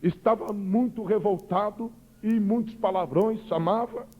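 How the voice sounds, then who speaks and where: A man giving a fervent preaching testimony, speaking emotionally to his listeners as brothers and swinging between hushed and loud. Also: high voice, unhurried. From Brazil. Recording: dull lo-fi sound.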